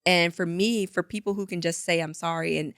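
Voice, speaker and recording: Woman podcast cohost, low gravelly voice, dry close sound, chatting about reality tv and acting out quotes. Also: fairly quick, no echo. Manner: animated, acts out quotes of others. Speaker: podcast co-host. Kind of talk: casual reality TV commentary.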